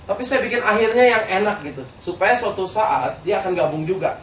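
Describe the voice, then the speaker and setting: Man, high voice, motivational seminar talk, casual with rhetorical questions, loud background noise. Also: animated, fairly quick. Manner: colloquial, keeps quizzing the audience with rhetorical questions. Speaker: business seminar speaker. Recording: roomy hall, distant mic, background noise.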